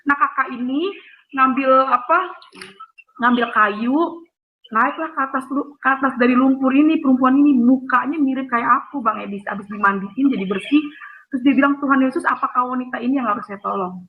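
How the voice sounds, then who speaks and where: A woman from Jakarta with a Betawi accent, telling her personal testimony in an animated way over a phone call. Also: high voice, fairly quick. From Jakarta, Indonesia. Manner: animated storytelling, acting out others' lines. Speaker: guest giving a testimony. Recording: tinny phone line with faint noise.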